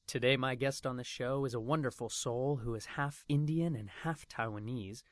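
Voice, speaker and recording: A man's voice: medium pitch, normal speed, dry recording, clean studio sound. A man hosting a casual interview in an upbeat, friendly and enthusiastic manner. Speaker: interview host.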